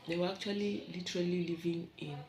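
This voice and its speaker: In her bedroom vlog, a Kenyan woman with a lowish, darkish, steady voice talks at a quick pace, rambling casually and making asides to her audience. An echoey room and faint background hum come through.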